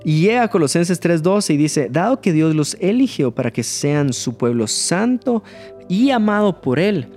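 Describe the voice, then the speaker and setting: A man preaching a sermon, earnest and slowing down to stress key phrases, with light jokes. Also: a little high, very animated, a little mellow, soft background music.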